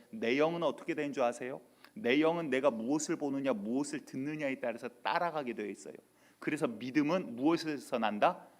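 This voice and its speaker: A male pastor delivering a sermon in church, telling lively stories and acting out quotes. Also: medium pitch. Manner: lively storytelling with acted-out quotes.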